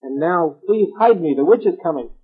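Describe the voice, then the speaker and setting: A man's voice: a little high, expressive, normal speed, slightly rough, voice pushed up. A man playing an earnest, pleading young girl. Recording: tinny phone-like line.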